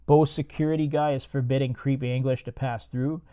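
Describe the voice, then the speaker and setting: Here a man's medium-pitched voice comes across steady, brisk, and dark, with a clear, resonant tone. As a podcast host recapping a movie, he reacts in a relaxed, profane style and chuckles at his own jokes.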